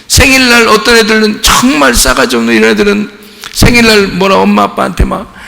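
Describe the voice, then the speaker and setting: A man preaches a sermon in a church, his voice high, bright and gravelly, swinging widely in pitch as he fires questions at the congregation. The sanctuary leaves a long reverb trail behind every phrase. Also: fairly quick. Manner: animated, rhetorical questions to the congregation, acts out quoted voices. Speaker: pastor.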